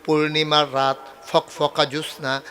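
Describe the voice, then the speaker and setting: A man preaching a waz sermon, telling stories in dialect with acted dialogue and rising into loud cries. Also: on the high side, level tone, moderate pace, a little hiss or hum.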